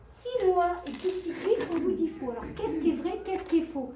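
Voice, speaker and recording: A woman's voice: very high-pitched, expressive, brisk, warm tone, slight background noise. A woman teaching a math class, explaining patiently, repeating points and asking the students questions. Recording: echoey classroom from far off.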